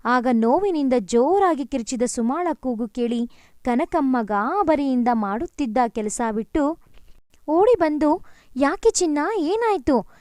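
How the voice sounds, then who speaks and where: Woman narrator, storybook reading, expressive, high voice, dry sound. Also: a little slow, no room sound.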